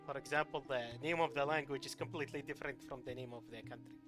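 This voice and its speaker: A man's voice: medium pitch, steady tone, fast talker. Rambling male streamer over game music. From Iraq. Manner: rambling, hesitant, with many fillers. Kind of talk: live gameplay commentary.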